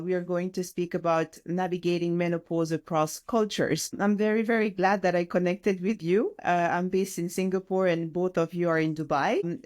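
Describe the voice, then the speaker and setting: A woman's voice: on the low side, darkish tone. A woman in her forties hosting a podcast over a video call, casual and hesitant, with lots of fillers and restarts. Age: 40s. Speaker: podcast host. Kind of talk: casual conversation. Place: Singapore.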